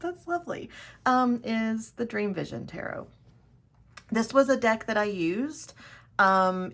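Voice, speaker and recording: On her tarot channel, a woman with a gravelly, medium-pitched voice talks casually and enthusiastically to camera. She rambles a lot, frequently stopping to restart and self-correct.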